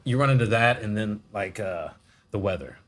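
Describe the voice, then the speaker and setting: A man's voice: on the low side, animated, normal speed, a bit bright. A man in his twenties, a podcast guest, telling bragging stories in a laid-back, rambling way. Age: 20s. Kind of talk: casual storytelling chat.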